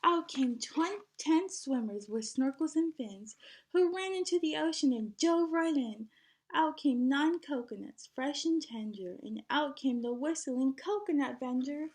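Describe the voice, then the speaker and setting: This teacher-like reader has a high voice and an unhurried pace, bringing a picture book to life for children with animated expression and simple questions to steer them.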